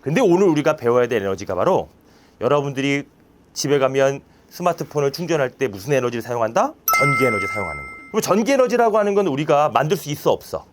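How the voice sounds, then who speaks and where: A man teaching a science lesson to children in a classroom, playful and quizzing his pupils with quick questions. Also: medium pitch, very animated, noisy background.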